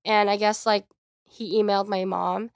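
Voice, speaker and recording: A young woman hosting her podcast, telling a personal story in a chatty, animated way. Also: mid-range voice, normal speed, no room sound, studio quality. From United States. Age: young adult. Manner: chatty, frequent "like", animated quoting. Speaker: podcast host. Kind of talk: casual storytelling monologue.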